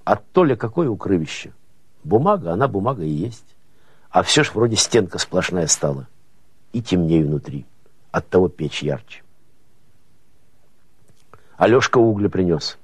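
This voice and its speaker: A man narrating prose as an audiobook, with expressive folksy storytelling rhythm. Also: low voice, moderate pace, pauses often, breathy edge, no room sound.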